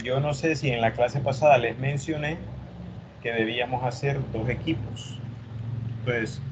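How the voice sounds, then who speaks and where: A man's voice: medium pitch, a little hiss or hum. A male teacher lecturing an online class, explaining step by step and often checking for understanding.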